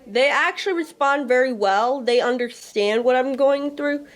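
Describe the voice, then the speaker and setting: A woman's voice: high-pitched, normal speed. A woman in her twenties, from Russia, telling her own life story candidly in a chatty way, with many "like" fillers. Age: 20s. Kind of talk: personal spoken storytelling.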